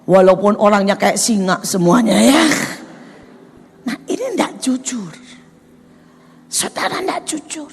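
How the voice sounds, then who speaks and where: A woman preacher delivering a lively sermon full of stories, often turning to the listeners and mimicking the people she describes. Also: high voice, creaky, breathy edge. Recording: long hall reverb, faint music.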